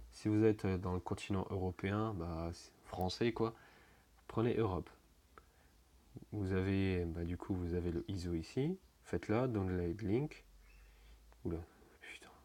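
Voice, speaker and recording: Young guy, lowish voice, laid-back how-to narration, rambling and full of filler words, swears now and then. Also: darkish tone. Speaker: tutorial maker. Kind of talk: casual screen-recording tutorial.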